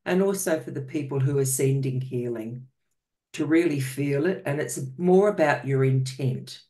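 A woman meditation teacher guides a healing circle in a soft, unhurried way. Her voice is mellow and warm, and she lets each phrase settle with a gentle, soothing calm. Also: rumbling low. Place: online session.

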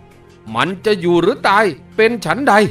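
A man's voice: high voice, very animated, moderate pace, a bit bright, soft background music, voice pushed up, heavily acted. Guy doing a nasty old villain in an audiobook, barks, sounds far from the mic. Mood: harsh. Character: cruel old male martial villain.

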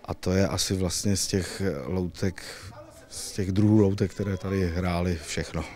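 A man in his thirties giving an on-camera interview in a halting way, searching for words, into a handheld microphone. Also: low voice, little pitch movement, mellow. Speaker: puppet theatre director being interviewed. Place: indoors, on a theatre stage.

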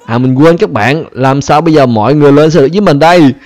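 Speaking quickly in a slightly high voice, this Vietnamese-accented gaming host talks to his viewers with chatty excitement while he plays. His casual commentary is full of repeated phrases.

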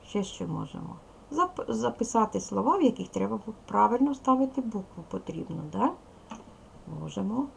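A woman's voice: medium pitch, expressive, normal speed, creaky, a little mellow, a little hiss or hum. A woman teaching second graders in a recorded video lesson, patiently spelling out sounds and syllables one by one. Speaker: primary school teacher.

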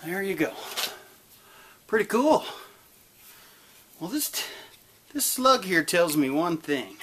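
A man in his forties talks to the camera in an easygoing, plain-spoken vlog style, his voice sitting a little high for a man. The camera mic is close, with a faint wash of background noise behind him. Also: big pitch swings, takes it slowly, a bit bright. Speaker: channel host. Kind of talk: casual vlog. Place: outdoors in a yard, later an indoor workshop.

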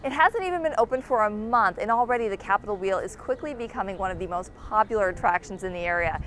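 A woman's voice: mid-range voice, lively intonation, fast, fairly bright tone, faint music behind. A woman hosts a television travel segment outdoors, asking eager questions of a guest on a waterfront plaza. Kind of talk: television interview.

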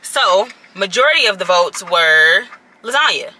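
A woman's voice: medium pitch, lively intonation, unhurried, sharp tone. A young woman chatting casually to her viewers while cooking in a home kitchen, calling them y'all again and again. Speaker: vlogger.

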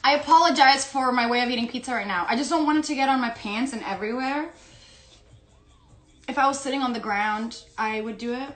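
A young woman from South America, a native Spanish speaker, chatting casually on a home livestream while she eats and giggles. Her voice sits a bit high. The room rings with echo, and soft music plays faintly behind her. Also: a little fast. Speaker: Instagram live host. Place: home room with pet dog. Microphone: phone or laptop livestream.

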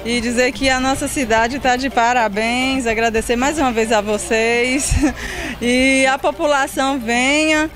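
A woman's voice: high-pitched, steady tone, music in the background. A woman in her thirties thanking people in a street interview, speaking with some hesitations, into a handheld mic outdoors. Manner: grateful, halting speech. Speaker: local resident interviewed. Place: outdoors at a health fair. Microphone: handheld reporter mic.

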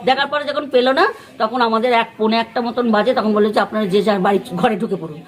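High-voiced West Bengali village woman. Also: fast. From West Bengal, India. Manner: rambling retelling with many fillers and restarts; acts out others' words in quoted speech. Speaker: neighbour and eyewitness. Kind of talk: on-the-spot news interview.

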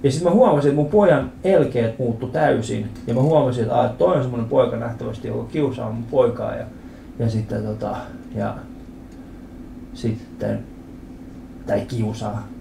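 A man in his thirties doing a stand-up comedy set in a club, telling stories with animated acted-out voices and lots of swearing. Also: mid-range voice, creaky, noisy background. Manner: animated storytelling, acts out quoted voices, swears freely. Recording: roomy club with audience laughter.

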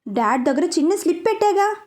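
A woman's voice: very high voice, very animated, fast, darkish tone, voice pushed up. A woman voicing a cheeky, bossy young woman who gives orders and talks back in a storybook reading. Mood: sassy. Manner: bossy and sassy, giving orders.

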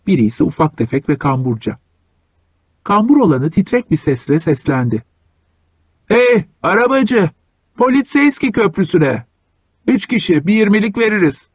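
A man reading a short story aloud as an audiobook narrator, in a measured storytelling manner. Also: on the high side, breathy edge, no room sound, lo-fi sound. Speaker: audiobook reader.

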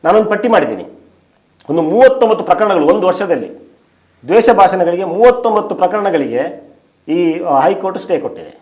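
A man's voice: high voice, expressive, a little fast, long pauses, darkish tone. A man, a journalist and writer, answering interview questions in detail, emphatic and full of rhetorical questions. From India.

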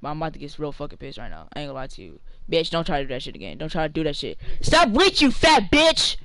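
A man's voice: a little high, sing-song, rapid-fire, clear, resonant tone. A man streaming a video game live, chatting casually to his viewers, frustrated and swearing a lot. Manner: complains to viewers and talks to his pet. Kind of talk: casual live gaming commentary.

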